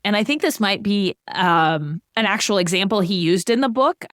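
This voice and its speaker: A woman's voice: mid-range voice, expressive, moderate pace, a bit bright, no echo, clean studio sound. A middle-aged woman on a financial podcast, explaining goal-setting with everyday examples in a conversational way.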